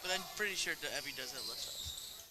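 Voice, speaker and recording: A man co-commentating a high school basketball game in a gym, chatty and quick to laugh and react. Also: expressive. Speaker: color commentator. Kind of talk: casual sports commentary. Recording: noisy gym broadcast. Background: gym crowd and bouncing balls.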